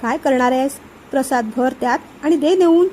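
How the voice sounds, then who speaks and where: A woman reading a kind young brother-in-law's lines in a gentle, reassuring way. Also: high voice, normal speed, a little hiss or hum, natural voice.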